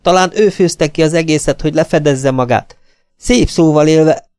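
A man's voice: a little mellow, clean tone, no echo, clean studio sound, close to an everyday voice. A man voicing a distraught, defiant young woman in an audiobook, speaking with emphatic, pleading insistence. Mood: upset defiant. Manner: raised pitch, emphatic, pleading.

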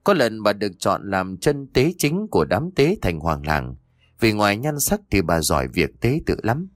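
A man narrating a village story aloud in an expressive storytelling manner. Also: lowish voice, normal speed, no echo, clean studio sound. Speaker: audiobook narrator.

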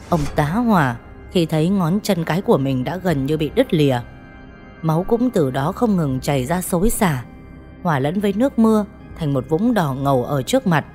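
A woman narrating a ghost story in a steady storytelling manner. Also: low-pitched. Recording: faint background music.

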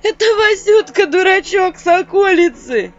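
A shrill, wailing village girl in a folk-tale audiobook, as a woman narrator puts her on. Her pitched-up cries cut through a dull, lo-fi recording with faint music behind. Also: lively intonation, normal speed. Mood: shrieking panic. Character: panicked young village girl, shrieking and wailing.

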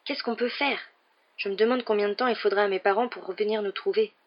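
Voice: mid-range voice, fairly even intonation, fast, lightly acted. The audiobook narrator voicing an impulsive twelve-year-old boy wizard in an urgent, eager voice, on a dull lo-fi recording. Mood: worried. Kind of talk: audiobook character voice.

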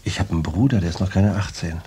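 In a radio crime drama, a male actor plays a boastful, tough ex-heavyweight boxer who rambles in slangy talk full of swagger. His low voice is gravelly and husky yet warm, moving at a quick pace with a proud, bragging mood.

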